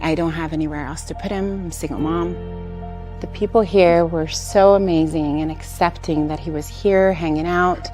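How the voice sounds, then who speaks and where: A woman's voice: sits low, steady tone, normal speed, a little mellow. A woman in her forties, originally from Hungary, speaking frankly in a gym-member testimonial. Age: 40s. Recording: music underneath.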